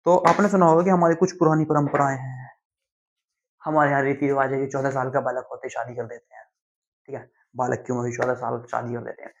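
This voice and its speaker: Slow-explaining tutor, muffled sound. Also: male voice, medium pitch, fairly even intonation. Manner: slow, deliberate explaining with frequent "theek hai" check-ins. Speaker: teacher. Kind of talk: classroom lecture. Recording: dull lo-fi sound.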